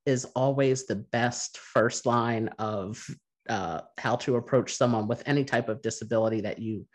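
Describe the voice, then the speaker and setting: Podcast host, man, easygoing interview voice, lots of ums. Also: medium pitch. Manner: relaxed, halting with many fillers. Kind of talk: casual interview.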